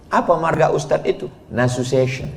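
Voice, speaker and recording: A man preaching a lively sermon, joking with the audience and chanting verses. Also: medium pitch, unhurried. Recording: echoey hall, faint background noise.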